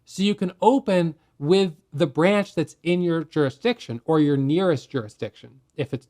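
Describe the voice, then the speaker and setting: A man's voice: on the high side, darkish tone. A man who teaches day trading, explaining a rule in a plain, conversational way and asking rhetorical questions as he goes. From United States. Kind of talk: explanatory talk to camera.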